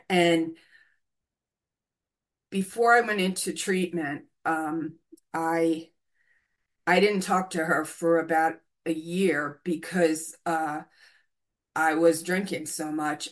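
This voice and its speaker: Candid woman in her sixties, hesitant. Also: fairly low pitch. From United States. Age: 60s. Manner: hesitant, many ums, candid. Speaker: recovering alcoholic sharing her story. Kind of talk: personal testimony.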